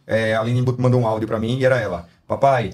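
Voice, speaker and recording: Man, Brazilian Portuguese accent, mid-pitched voice, casual podcast chat, lively storyteller, laughs a lot. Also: fast talker. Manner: animated storyteller, laughs often, mimics his daughter. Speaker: podcast co-host.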